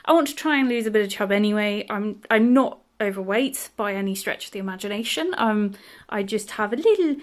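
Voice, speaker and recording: A young woman chatting casually in a vlog, bubbly and excitable, with lots of "um" and "like". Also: medium pitch, brisk. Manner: bubbly and excitable, many "um" and "like" fillers. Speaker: cosplay vlogger.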